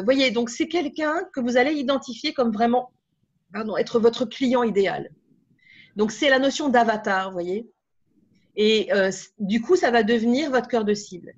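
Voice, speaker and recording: Woman, speaker trainer, live workshop talk, chatty asides, fairly high voice, lo-fi recording. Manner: lively, with many tag words and asides.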